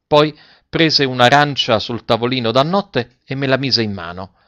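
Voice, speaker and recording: A man narrating a story in a calm, measured reading voice. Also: mid-range voice, no room sound. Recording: dull dry lo-fi recording.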